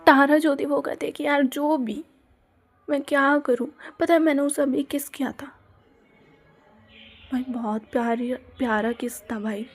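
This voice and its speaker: A woman's voice: high-pitched, fairly even intonation, moderate pace, soft background music. A woman voicing a lovestruck, dramatic teenage schoolgirl in a Hindi audio story, gushing and slangy.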